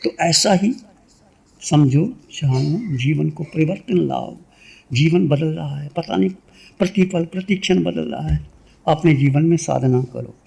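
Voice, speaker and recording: A man giving a religious sermon and a guided meditation, speaking in a measured way and repeating short phrases. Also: a little high, gravelly, warm tone, husky. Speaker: Jain monk giving a discourse.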